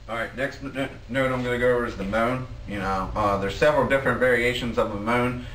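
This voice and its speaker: A man giving a casual, plain-spoken instructional demonstration as a goose calling instructor, with halting delivery. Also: mid-range voice, fairly bright tone. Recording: roomy, distant mic, faint noise.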